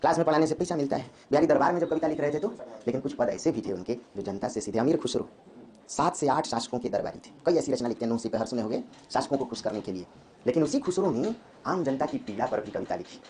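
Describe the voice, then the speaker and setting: कक्षा में हिंदी साहित्य पढ़ाता एक पुरुष शिक्षक, जो बार-बार छात्रों से सवाल पूछता है।. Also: male voice, mid-range voice, slight background noise. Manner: lively, quizzes students with quick questions. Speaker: Hindi literature teacher. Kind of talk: classroom lecture. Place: classroom.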